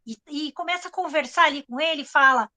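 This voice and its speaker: Brazilian woman author, anecdotal storyteller, high and bright, conversational with frequent tag questions. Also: fast talker. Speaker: writer. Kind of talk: storytelling talk to an audience.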